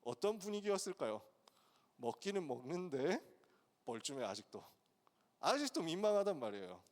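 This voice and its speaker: A man's voice: fairly high pitch, big pitch swings, moderate pace, a little mellow. A male pastor giving a sermon to students in a casual, colloquial storytelling way, acting out the dialogue. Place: church sanctuary. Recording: long hall reverb.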